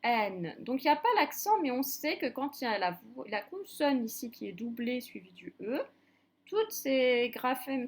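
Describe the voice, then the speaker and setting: Slow, patient woman teaching young children. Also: high voice. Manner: slow, patient, spells out letters one by one. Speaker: primary school teacher. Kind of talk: recorded reading lesson for young children.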